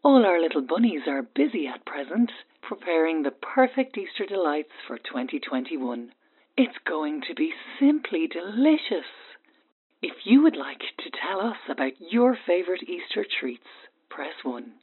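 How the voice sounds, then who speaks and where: A woman voicing a sweet, sultry Easter Bunny reading a hotline message in a breathy, velvety voice. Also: lowish voice, sing-song, normal speed. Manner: soft, purring and seductive. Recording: tinny phone line.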